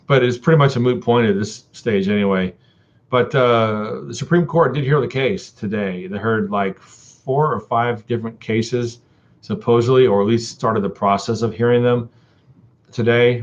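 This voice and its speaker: Casual man, low-pitched, rambling, filler-heavy, folksy, dull lo-fi stream sound. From Texas. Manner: rambling, many ums and uhs; folksy, addresses viewers as buddy and dude. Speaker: live streamer. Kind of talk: casual live-stream chat with viewers.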